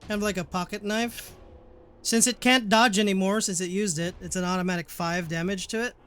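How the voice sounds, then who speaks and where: Brief: male game master, high voice, rambling hesitant scene descriptions. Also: steady tone, fairly bright tone, clear, resonant tone. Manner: rambling, halting descriptions full of fillers. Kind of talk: running a tabletop horror game.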